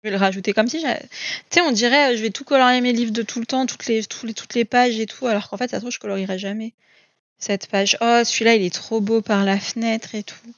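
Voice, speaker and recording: A woman's voice: on the high side, fairly even intonation, fast, no room sound. Chatty gushing woman, dull dry sound. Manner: chatty and gushing, frequent "euh" and repeats. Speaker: coloring book vlogger. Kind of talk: casual chat showing books.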